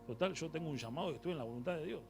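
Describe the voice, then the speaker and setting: A man's voice: on the high side, animated, racing, vocal fry. Male preacher voicing self-serving older patriarch, offhand, faint music under. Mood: dismissive.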